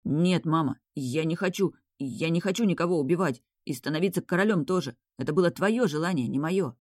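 An earnest young prince speaks quietly in a low, plain voice, firm beneath the softness, as a woman narrator voices him. He pleads rather than shouts. The sound is close and dry. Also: brisk, dry recording.

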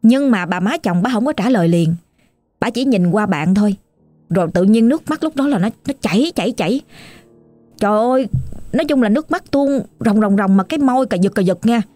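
A woman's voice: mid-range voice, animated, brisk, dark tone, no room sound, faint music behind. A woman with a Southern Vietnamese accent narrating a ghost story with emotional, repetitive exclaiming.

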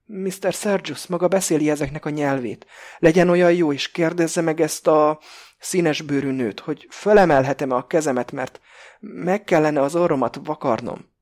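A woman's voice: deep voice, a little mellow, pitched above the performer's own voice. A man voicing a frightened woman hostage whose voice is trembling and childlike, in an audiobook. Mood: pleading.

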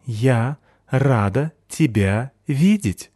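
A man voices a sweet young blonde woman, pitching above his own voice in a lightly acted, gentle and friendly manner. His tone is on the high side and expressive at a normal pace. The studio-quality recording has no room sound.

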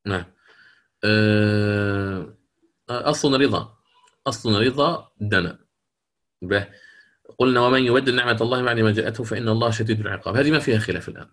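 Man, Quran readings teacher, explanatory lesson, hesitant fillers, slow melodic recitation. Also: on the low side, fairly bright tone. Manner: explains readings, then recites verses slowly with melodic chant.

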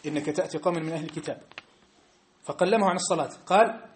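Fast, high-voiced North African Arabic teacher. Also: male voice. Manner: emphatic, keeps checking understanding with rhetorical questions. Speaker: religious teacher. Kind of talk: classroom lesson. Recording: echoey room.

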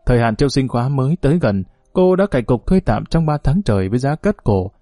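A man reading a novel aloud as scripted audiobook narration, steady and measured. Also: mid-range voice, dry recording, studio quality, faint music behind.

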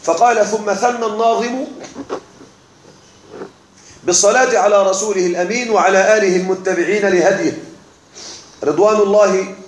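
A man teaching a classical text to a class, slow and deliberate, often checking that his students are following. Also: high voice, steady tone, slight background noise. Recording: echoey room.

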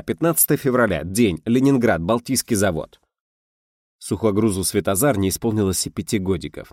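A man with a low voice narrates an audiobook, his pitch rising and falling with lively storytelling. The recording is close and dry, with no room sound. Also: dry recording. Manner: animated storytelling, voicing characters.

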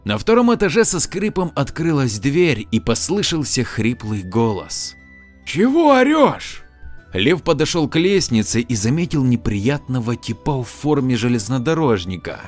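Man narrating an audiobook, faint music. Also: mid-range voice. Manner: even, measured storytelling. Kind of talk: scripted narration.

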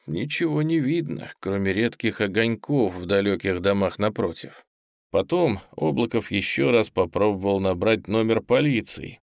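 A man narrating an audiobook in a steady, even storytelling voice. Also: on the low side, creaky, no room sound, clean studio sound. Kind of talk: scripted narration.

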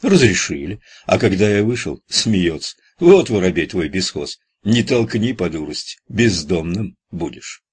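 A man's voice: sits low, big pitch swings, a little slow, hardly any pauses, breathy edge, heavily acted. A man voicing a coarse, blunt old gravedigger in an audiobook, grumbling in slangy talk.

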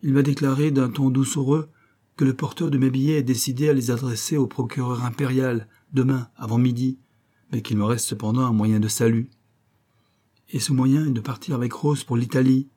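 Audiobook role: a male reader voicing a despairing young gentleman, plaintive and stammering, pitched higher and pushed louder. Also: fairly even intonation, moderate pace, lightly acted. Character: distraught young man, rich man's son, despairing. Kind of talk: audiobook character voice.

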